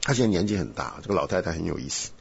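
A man hosting a casual Bible study chat, animated and rambling with frequent laughs. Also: low-pitched, very fast, vocal fry, breathy edge. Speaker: host. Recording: dull lo-fi recording.

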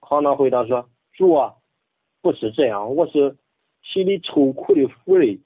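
A modest, quiet man from Henan speaking in Henan dialect as a radio co-host, reading aloud. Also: medium pitch, lively intonation, normal speed, husky, no room sound, narrow, tinny audio. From Henan, China. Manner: modest, quiet, laughs shyly.

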